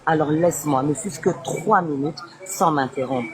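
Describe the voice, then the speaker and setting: A woman's voice: deep voice, normal speed. Pleading woman on a noisy live stream. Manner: pleading, insistent, switches between French and Lingala. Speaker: interview guest. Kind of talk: emotional live interview.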